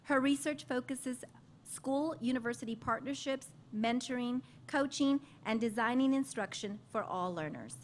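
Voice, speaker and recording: A woman, her voice a little high, introduces guests and moderates a panel. She reads the introductions and asks questions in an upbeat manner, with a faint room hum in the background. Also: moderate pace. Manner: warm, upbeat praise of guests. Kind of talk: reading introductions, then moderating.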